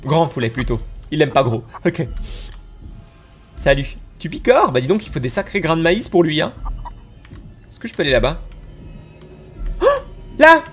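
A man doing let's play commentary, excitable and teasing, yelping when scared and chatting to the monster on screen. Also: on the high side, moderate pace, pauses often, soft background music. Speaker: gaming YouTuber.

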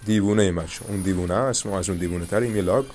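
A young man commentating his own mobile game match, calmly coaching viewers through each move. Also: deep voice, soft background music. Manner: coaching viewers, calm reassurance. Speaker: gaming channel host. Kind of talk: live gameplay commentary with tips.

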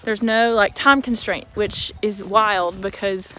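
A woman's voice: mid-range voice, steady tone, slow pace, fairly bright tone. Chatty young woman at the barn. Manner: chatty and self-amused, talking with her mouth full at times. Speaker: vlogger and horse owner. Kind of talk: casual chat while doing chores. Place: outdoors at a horse barn.

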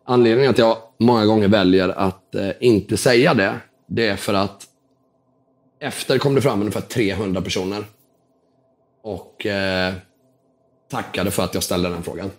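A man with a fairly low voice telling an animated story as a guest in a casual interview. He acts out the dialogue and drops English words into his talk. His tone is relaxed, and he swears now and then. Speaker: entrepreneur guest.

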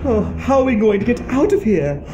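Excitable high-pitched boyish alien puppet. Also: female voice, brisk, highs cut off, a little hiss or hum. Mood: eager, anxious. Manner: exclamatory, stammering, dramatic. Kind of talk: children's puppet show acting. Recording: music behind the voice.

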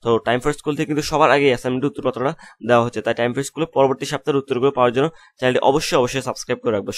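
Fast-talking young male tutor. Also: medium pitch. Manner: rapid, repetitive instructions to students. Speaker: online tutor. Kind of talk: assignment walkthrough lesson.

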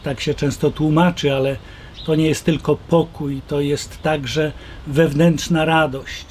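An older man, a Jesuit priest, explaining calmly and slowly to the camera outdoors. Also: fairly high pitch, slight background noise. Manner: slow, measured, explaining. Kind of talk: calm talk to camera. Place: outdoors by a wooden fence.

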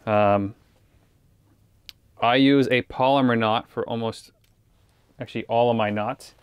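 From a small ice fishing shelter on a frozen lake, a man vlogs casually to his viewers, rambling in an easygoing way toward an action camera facing him. His mid-range voice keeps a fairly even intonation and a slightly slow pace. The tone is clean with no echo.

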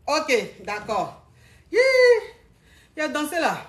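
A woman with a slightly high voice chats casually on a live stream, calling her viewers family. She sounds out of breath and hot from exertion. Her voice rings around an echoey room. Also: lively intonation, slow, a bit bright. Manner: chatty, scattered, talks to viewers as family. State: out of breath, sweating.

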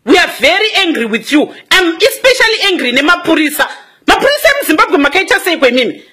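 Zimbabwean woman in her twenties, furious scolding rant, high and animated pitch. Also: fast. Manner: fiery, scolding, switching between Shona and English. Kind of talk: angry political rant.

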